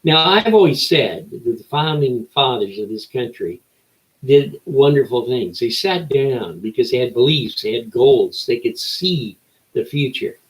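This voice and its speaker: An older man with a mid-pitched voice hosts a rambling opinion monologue. He rants in a folksy old-timer way, posing rhetorical questions and answering them in short, emphatic phrases. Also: animated, a little slow, rough recording. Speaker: show host.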